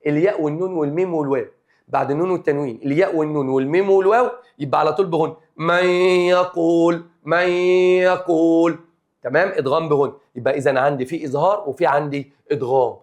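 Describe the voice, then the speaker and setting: Fast-talking Egyptian male teacher. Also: on the high side. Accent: Egyptian Arabic. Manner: rapid, repetitive drilling with questions to students. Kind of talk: exam review lesson.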